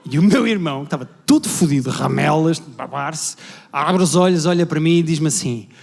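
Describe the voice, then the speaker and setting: A high-voiced young man with a European Portuguese accent rattles off stand-up material at speed. He plays his relatives in quick bursts in front of a live audience, and his voice rings with the long reverb of a big hall. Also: gravelly. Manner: rapid, animated storytelling, acting out family members. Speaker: stand-up comedian. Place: large indoor venue with a live audience.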